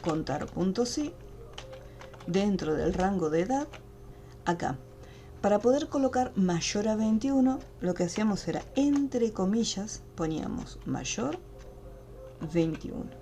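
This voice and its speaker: A woman's voice: mid-range voice, animated, a little slow, long pauses, dark tone, a little hiss or hum. Patient woman teaching a class. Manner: patient, step-by-step explaining. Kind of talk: online class. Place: home room, online video call. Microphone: computer mic on a video call.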